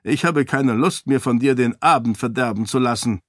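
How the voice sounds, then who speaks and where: A man voicing an irritable, blustering king who speaks gruffly and impatiently. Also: mid-range voice, normal speed, no echo, studio quality, natural voice.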